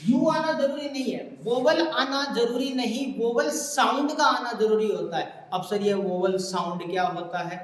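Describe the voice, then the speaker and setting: A man teaching an English grammar lesson step by step. He voices his students' questions and then answers them, writing examples on a board. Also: very high-pitched. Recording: very echoey room with long reverb.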